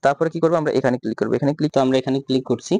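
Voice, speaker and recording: A man talking through a software tutorial step by step, asking himself questions and answering them. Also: medium pitch, very fast, no echo. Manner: repetitive step-by-step instructions, rhetorical questions. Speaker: tutorial host. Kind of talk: screen-recorded software tutorial.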